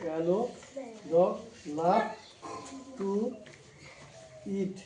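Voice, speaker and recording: A woman's voice: lowish voice, fairly even intonation, drawn-out words, mellow, echoey room. A woman tutoring a child, sternly drilling word meanings and spellings and scolding. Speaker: home tutor.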